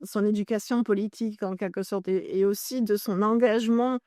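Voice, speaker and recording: This Irish woman, a journalist and author whose first language is English, talks at length as an interview guest, often reaching for French words and catching her own mistakes. Her medium-pitched, dark voice holds a steady tone at a fairly quick pace, in a studio recording with no room sound.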